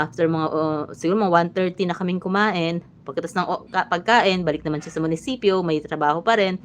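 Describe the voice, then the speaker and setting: A Filipino woman talking casually on a live vlog, short of breath and strained after thyroid surgery, chatty with many fillers. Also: low-pitched. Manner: chatty, frequent fillers and restarts. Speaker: vlogger.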